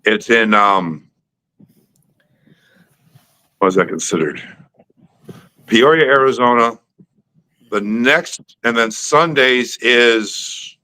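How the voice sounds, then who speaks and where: Bright-toned joking stream host, man. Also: lowish voice. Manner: joking, easygoing, thinks aloud. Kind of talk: casual chat.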